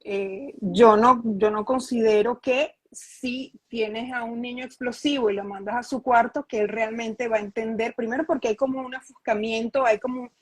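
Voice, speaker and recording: Woman, a touch high and breathy, earnest explainer, close dry sound. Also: steady tone, normal speed, few pauses, dry recording, low-quality recording. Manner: earnest, explanatory, frequent restarts and rhetorical questions. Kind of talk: conversational interview.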